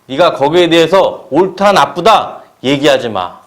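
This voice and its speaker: Male preacher, fairly high and very animated voice, quizzes the congregation as he preaches. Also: unhurried. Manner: asks the congregation question-and-answer pairs. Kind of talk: sermon. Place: church service.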